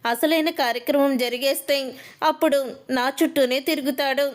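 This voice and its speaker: A brazen, defiant young wife with a high voice, read by a woman telling the story. She taunts and shows no shame. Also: steady tone, normal speed, lightly acted. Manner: taunting, unashamed.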